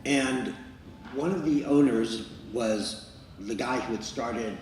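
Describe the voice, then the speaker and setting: Man in his sixties, storyteller at an improv show, mid pitch, picked up far off in an echoey room. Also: slow pace, a little mellow. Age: 60s. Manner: chatty anecdotal storytelling, acts out quotes. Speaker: improv performer telling a true story. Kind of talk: storytelling monologue. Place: improv venue. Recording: echoey room, mic far off, faint noise.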